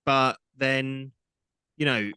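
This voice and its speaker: A young man co-hosting a casual podcast chat, speaking in a measured way and slowing down to explain. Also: medium pitch, steady tone, bright, forceful tone, clear, resonant tone, dry recording, clean studio sound. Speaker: podcast co-host.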